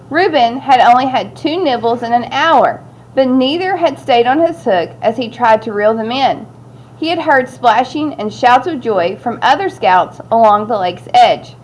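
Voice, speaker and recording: A woman narrating a children's story aloud in an expressive, clear storytelling delivery. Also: fairly high pitch, slight background noise.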